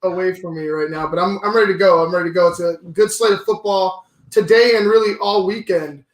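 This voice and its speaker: A man's voice: high voice, steady tone, brisk, echoey room, a little hiss or hum. A hungover man with a slight headache hosting a casual sports podcast.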